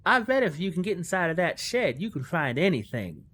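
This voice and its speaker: A woman reading an audiobook, voicing a laid-back male pony farmer who talks casually, even while chewing. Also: lowish voice, brisk, husky, pitched below the performer's own voice, exaggerated voice. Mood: easygoing. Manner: casual, talks with his mouth full. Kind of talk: audiobook character voice.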